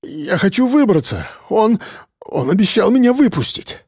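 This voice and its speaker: A man's voice: very animated, unhurried, dry recording, clean studio sound, exaggerated voice. A man voicing a panicking male police captain who shrieks and stammers in desperation. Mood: desperate. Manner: shrill, screaming and stammering.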